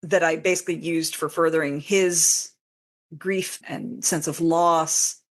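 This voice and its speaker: Speaking at a measured pace in a low, steady voice, a woman appears as an interview guest to explain her fan fiction writing process in detail. She's informal and rambling and tends to cut herself off mid-thought.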